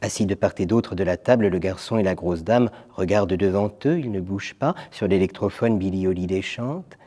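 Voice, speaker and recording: A French man reading a theatre text aloud at a slow, measured, hushed pace. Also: sits low. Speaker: reader.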